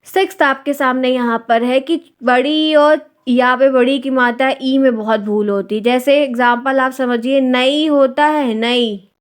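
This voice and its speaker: A woman teaching a language exam-prep class, saying each example word slowly and twice, putting questions to the class and answering them herself, with English words mixed in. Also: high voice, fairly even intonation. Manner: mixes English words into speech.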